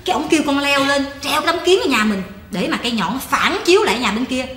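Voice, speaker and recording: A woman's voice: high-pitched, animated, quick pace, a bit bright. A woman with a Southern Vietnamese accent playing a whiny, gossipy grown daughter in a live stage comedy sketch, teasing and complaining. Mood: whining. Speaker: comic stage actor. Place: large theater stage. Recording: echoey stage with background noise.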